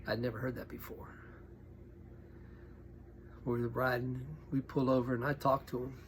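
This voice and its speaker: Man telling animated pastor stories. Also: mid-range voice, moderate pace, background noise. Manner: animated, acts out quoted voices, drops to a near whisper at tense moments. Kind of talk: storytelling monologue.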